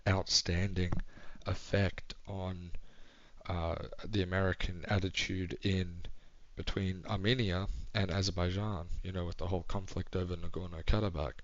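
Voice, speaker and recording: Young male vlogger, very low voice, hushed late-night monologue, halting and reflective, slightly muffled recording. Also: level tone, no echo. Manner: hushed, near-whispering delivery; thinking aloud, pausing and restarting. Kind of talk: late-night solo ramble. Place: home at night.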